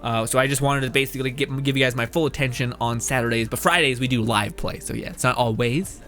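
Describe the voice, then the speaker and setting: A young man streaming live and chatting casually with his viewers. He talks loosely and swears a lot, laughs often, and sounds a bit hoarse. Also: medium pitch, steady tone, fast, fairly bright tone, faint music behind. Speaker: game streamer. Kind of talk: casual livestream chat, reading chat aloud.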